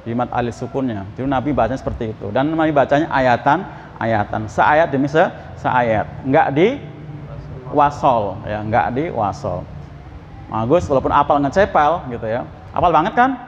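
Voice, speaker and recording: A man teaching Quran exegesis at a mosque, questioning his listeners and reciting Arabic verses slowly. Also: medium pitch, expressive, a little hiss or hum. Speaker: ustadz giving Quran exegesis. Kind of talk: mosque study sermon. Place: mosque hall. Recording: muffled, echoey mosque hall.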